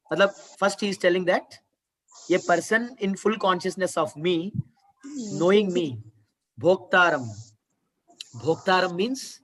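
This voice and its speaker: A man's voice: high voice, a bit bright, far from the mic. A man with an Indian English accent teaching a Gita class to children online, explaining patiently and having them repeat verses.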